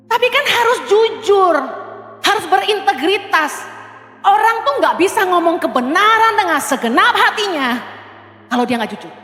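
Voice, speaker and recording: A middle-aged woman pastor preaching a lively, conversational sermon from a church stage. She mixes in English phrases and swings between loud calls and low asides. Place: church stage before a congregation. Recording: echoey hall, reverb.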